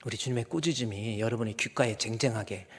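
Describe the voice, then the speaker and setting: A middle-aged male pastor preaching a sermon, moving between quiet asides and loud, emphatic peaks. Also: on the low side, quick pace, breathy edge. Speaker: senior pastor. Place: church sanctuary. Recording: long reverb of a church hall.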